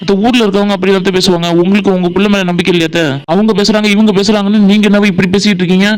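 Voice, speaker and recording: A man voicing a fast-talking earnest young villager. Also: high-pitched, little pitch movement, clean tone, natural voice. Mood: pleading. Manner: pleading, reassuring, talks fast. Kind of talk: Tamil cartoon voice acting.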